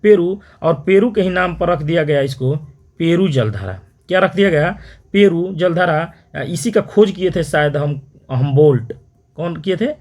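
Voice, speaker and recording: A man teaching an exam-prep geography lesson, repeating terms and quizzing listeners with quick questions. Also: fairly high pitch, expressive, a little mellow. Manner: repetitive question-and-answer drilling, frequent "theek hai".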